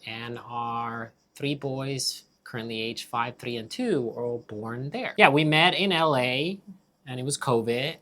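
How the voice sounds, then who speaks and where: A man from Finland, co-hosting a relaxed, explanatory chat and laughing easily. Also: mid-range voice, unhurried. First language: Finnish. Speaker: co-host. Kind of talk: casual chat.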